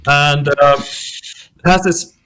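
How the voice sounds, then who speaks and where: Brief: a slow-talking man narrating a tabletop scene, halting and repeating. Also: on the high side, steady tone, sharp tone, a little hiss or hum. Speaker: player. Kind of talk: tabletop role-play narration.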